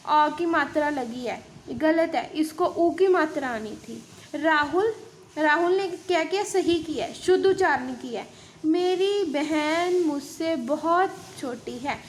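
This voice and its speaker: Woman teacher with a Hindi accent and a high voice, patient step-by-step explainer, faint noise behind. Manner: explains step by step, asks and answers her own questions. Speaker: school teacher. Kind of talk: online class lesson.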